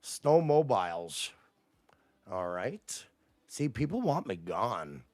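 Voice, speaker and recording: A man's voice: on the low side, sing-song, takes it slowly, darkish tone, no echo. A man hosting a livestream, ranting at his chat in a profane, combative way. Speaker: livestream host. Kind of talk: casual livestream rant to chat.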